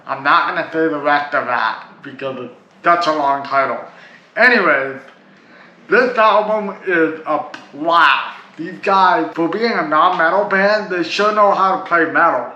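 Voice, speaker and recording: Speaking a little slowly in a fairly high, sharp-toned voice, a Canadian man reviews albums in a loose, talkative style, often restarting with "like" and "uh." The lo-fi audio is dull, with room echo and faint noise.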